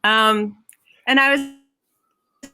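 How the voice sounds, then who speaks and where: A woman's voice: on the high side, steady tone, very slow. A woman in her fifties with a slight Minnesotan accent, chatting as an interview guest over a video call from home, laughing often and restarting sentences. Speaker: guest, Broadway head of props. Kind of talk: casual interview chat.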